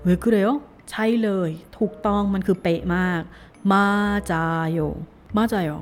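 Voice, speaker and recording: A woman with a mellow, relaxed tone leads a language lesson, drawing each phrase out one syllable at a time before repeating it smoothly at full speed. Her delivery is cheerful and encouraging. Soft music plays faintly underneath her. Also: mid-range voice, a little fast. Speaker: Korean language teacher. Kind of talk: language lesson, reading phrases slowly then fast.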